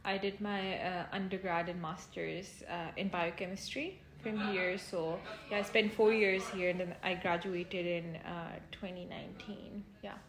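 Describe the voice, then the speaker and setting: A woman's voice: fairly low pitch, steady tone, a little slow, few pauses, crowd noise. A young woman from Pakistan in her twenties, chatting casually as an interviewee, with lots of fillers and easy laughter. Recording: echoey room with faint ambient noise.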